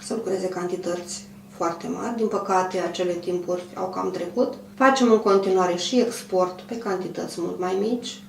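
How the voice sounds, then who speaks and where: A woman in her fifties who runs a clothing manufacturer, answering an interview in a measured, hesitant way with many pauses. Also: on the low side. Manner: measured, hesitant, frequent pauses and throat clearing. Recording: roomy, distant mic, faint hum.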